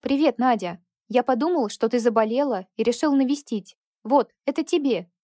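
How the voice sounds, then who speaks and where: A woman's voice: fairly high pitch, lively intonation, moderate pace, dark tone, no room sound, clean studio sound, voice pushed up, close to an everyday voice. A woman reading the lines of a kind, earnest young man who pleads from the heart in a storybook. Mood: hopeful.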